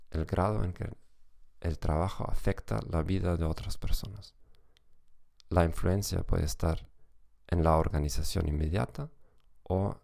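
Podcast lecturer, male, German accent, notably deep with heavy vocal fry, reading educational script carefully phrase by phrase. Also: a little mellow. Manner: non-native, careful phrase-by-phrase delivery. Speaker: psychology podcast host and lecturer.

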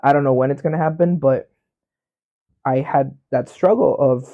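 A man's voice: mid-range voice, moderate pace, no room sound, narrow, tinny audio. A man co-hosting a podcast, talking frankly and animatedly in casual chat, swearing often. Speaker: podcast co-host.

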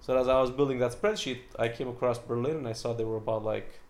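Young British comedian, quick rambling chatter, restarts a lot. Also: male voice, mid-range voice, steady tone, a little mellow, slight background noise. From Britain. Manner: rambling, fast, lots of fillers and restarts. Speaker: stand-up comedian. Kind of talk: casual chat.

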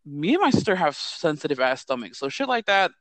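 A man's voice: on the high side, very animated, fairly quick, a bit bright, no room sound. A man co-hosting a podcast, frank and profane, telling stories in casual chat. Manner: frank, storytelling, swearing. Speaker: podcast co-host.

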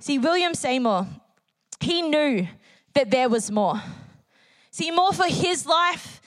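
High-voiced woman preaching an earnest sermon. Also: lively intonation, takes it slowly, dry recording, rough recording. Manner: earnest, repeats key phrases for emphasis. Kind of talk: sermon with a read-aloud testimony. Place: church service.

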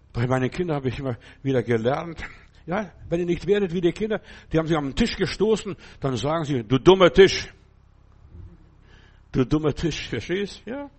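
Husky older German preacher, emphatic. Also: male voice, fairly high pitch. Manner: emphatic, conversational, keeps asking "verstehst du?". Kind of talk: sermon.

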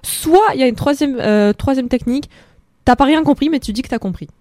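A woman's voice: sits high, fairly quick, dark tone, dry recording. An eighteen-year-old woman hosting a film segment on the radio, chatting casually in a playful, joking way from a studio microphone. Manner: playful, lightly joking while listing films.

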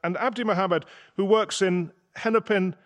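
A man presents a radio news programme in a fairly high voice, leading the talk with brisk questions and introductions. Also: steady tone. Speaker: host. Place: college hall with live audience.

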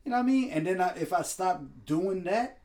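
A man co-hosting a podcast in casual, slangy chat, laughing easily as he talks. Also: high voice. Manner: animated, slangy, quick to laugh. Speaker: podcast co-host.

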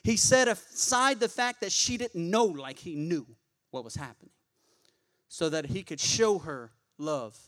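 High-voiced preacher man. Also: unhurried. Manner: call-and-response preaching, colloquial and animated. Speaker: pastor. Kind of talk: sermon.

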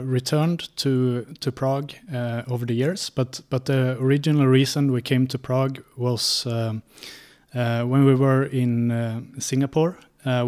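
Swedish man in his thirties, native Swedish speaker, interview guest, methodical delivery, frequent filler pauses, mid-pitched voice. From Sweden. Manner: steady, methodical telling with many "uh" pauses. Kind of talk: casual interview answers.

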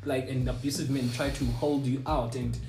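A man's voice: medium pitch, little pitch movement, normal speed, darkish tone. A man hosting a casual panel discussion, talking earnestly and often adding "you know". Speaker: host. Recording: roomy studio with music bed.

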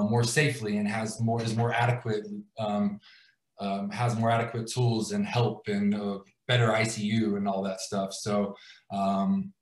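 A man's voice: lowish voice, distant mic. A man in his thirties telling a personal story as guest host on a live stream, rambling with many fillers and restarts. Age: 30s. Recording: roomy sound, away from the mic.

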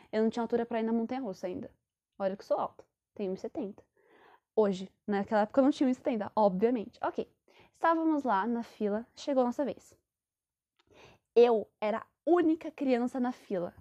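A woman's voice: on the high side, a little mellow. A young Brazilian woman, casually telling a rambling personal story and correcting herself as she goes. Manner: chatty, rambling, self-correcting. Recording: dull lo-fi sound.

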